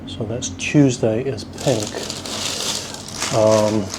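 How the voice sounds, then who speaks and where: A man at least partly from South Korea hosts a casual food-tasting vlog, speaking extremely slowly in a low-ish, steady voice. He rambles and thinks aloud in a self-deprecating way, with clearly noisy ambient sound in the background.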